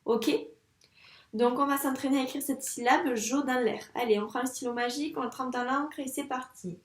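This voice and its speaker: A primary school teacher, a woman, guiding a young child through a handwriting lesson in a patient, encouraging way, saying each sound slowly as she writes. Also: high-pitched. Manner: says sounds slowly while writing. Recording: echoey room, mic at a distance.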